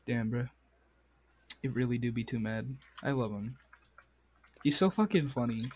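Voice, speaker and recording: A man hosting a podcast, chatting casually with crude, excitable banter while straining a sore voice. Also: medium pitch, normal speed, slight background noise. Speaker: podcast host. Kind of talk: casual chat.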